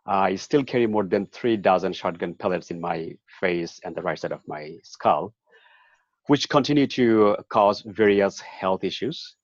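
A man from Bangladesh introducing himself on a panel in a measured, deliberate way. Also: deep voice, lively intonation, dry recording. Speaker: panelist, activist. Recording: dull lo-fi sound.

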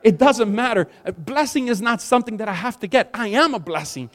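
A man's voice: high voice, animated, a little fast, a bit bright. A man in his forties preaching a sermon in a conversational style, rising to emphatic peaks. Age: 40s. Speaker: pastor. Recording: long hall reverb.

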